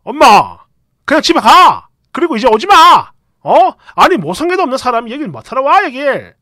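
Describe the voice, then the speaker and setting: A woman voicing a young husband who talks bluntly and shouts in exasperation. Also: high-pitched, very animated, normal speed, no room sound, clean studio sound, exaggerated voice. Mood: shouting.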